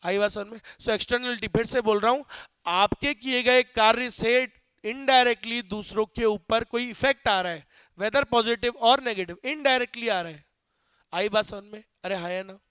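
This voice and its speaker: A young male teacher lecturing a class in an animated, joking way, often quizzing students, with phrases. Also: high-pitched, a little slow, clear, resonant tone, no echo. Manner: animated, asks students questions, jokes.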